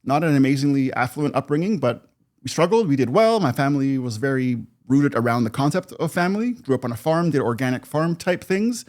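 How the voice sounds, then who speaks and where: Man in his fifties from Canada, the show's producer as a podcast guest. He tells personal stories at an ordinary, middle pitch, calm and reflective but growing animated at the vivid moments. He breaks into laughter now and then. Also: fairly quick. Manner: reflective, animated when recounting, laughs often. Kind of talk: personal storytelling in conversation.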